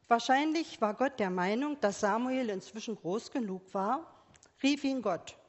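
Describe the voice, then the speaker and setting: A woman preaching a gentle sermon to a congregation with children, asking many quiet questions. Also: medium pitch. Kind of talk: slow sermon for church and children. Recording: long reverb of a church hall.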